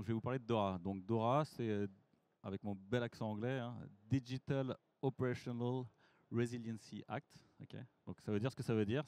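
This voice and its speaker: A technical director giving a conference masterclass. He speaks in an informal, lively way and asks the audience questions. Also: on the low side, clear, resonant tone.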